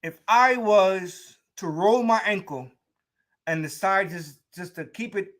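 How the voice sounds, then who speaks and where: A high-voiced young man hosting a sports talk show. He talks to his listeners in a loose, animated way and often repeats and restarts his points. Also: slow. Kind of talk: casual sports commentary.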